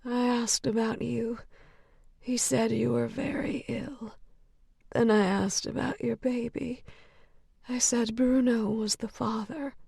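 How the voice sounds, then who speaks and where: A woman's voice: high voice, lively intonation, takes it slowly, vocal fry, few pauses, a little mellow, dry recording, clean studio sound, voice pushed up, full character voice. A woman whispering as a frail sedated young patient. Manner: slurred, faint, tearful.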